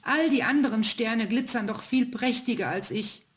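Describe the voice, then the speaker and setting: Casting: a woman playing a small sulky star in a storybook, raised pitch, defiant whine. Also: normal speed, lightly acted.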